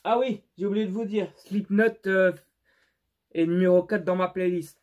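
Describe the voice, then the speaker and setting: A man's voice: high-pitched, steady tone, darkish tone. A young man with a non-native French accent, chatting casually in a vlog and stumbling through lots of fillers and restarts. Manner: halting and unsure, many fillers and restarts. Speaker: YouTuber showing his CD collection.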